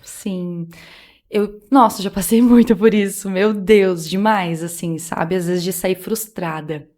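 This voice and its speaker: A woman's voice: mid-range voice, steady tone, slow, a little mellow. A woman guest, telling her faith testimony in casual chat, earnest and emotional, acting out remembered dialogue. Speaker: podcast guest.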